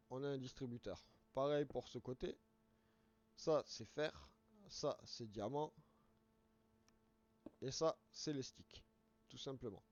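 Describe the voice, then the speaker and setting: A hoarse, mellow-voiced man chats through a live game stream, walking viewers through things step by step. He rambles and trips over words now and then. The sound is dull and lo-fi. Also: medium pitch.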